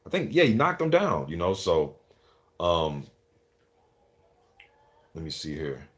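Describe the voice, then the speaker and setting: A low male voice with huge pitch swings, a slow pace and a breathy edge. He's a livestream host doing boxing commentary, casually chatting with viewers in informal, slang-filled talk with some swearing.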